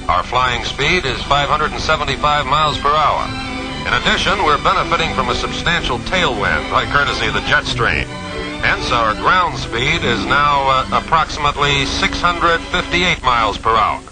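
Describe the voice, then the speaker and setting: An actor playing a composed airline captain, making a formal cabin announcement to passengers in a calm, measured way. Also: male voice, mid-range voice, over music, natural voice, rough recording. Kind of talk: cabin announcement over the intercom.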